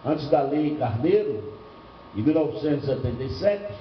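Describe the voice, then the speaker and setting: A man's voice: mid-range voice, animated, normal speed, a little hiss or hum. An older man from Bahia, a pastor preaching at a church seminar, telling stories with rhetorical questions and humor. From Bahia, northeastern Brazil. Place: church hall. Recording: echoey lo-fi church recording from far off.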